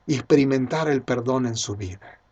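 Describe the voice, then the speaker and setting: A man's voice: mid-range voice, moderate pace, a little mellow, muffled recording. A pastor preaching a sermon, earnestly calling his listeners dear friends. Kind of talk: radio sermon.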